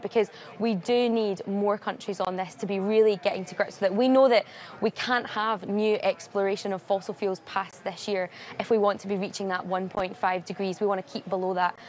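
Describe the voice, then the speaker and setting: A young woman, a climate campaigner speaking earnestly and articulately in a live news interview at a summit. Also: mid-range voice. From Glasgow, Scotland. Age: young adult. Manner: earnest, steady and articulate, stressing urgency. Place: at a large climate summit venue.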